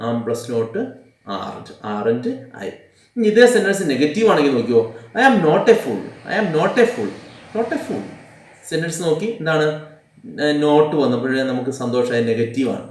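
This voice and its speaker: A man with a Malayali accent teaching English grammar, drilling examples slowly and asking the class questions. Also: mid-range voice. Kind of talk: classroom-style grammar lesson. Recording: echoey room, a bit far from the mic.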